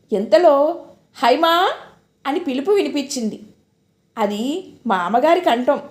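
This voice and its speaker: A woman narrating a novel in the first person with expressive storytelling. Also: high voice. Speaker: audiobook narrator.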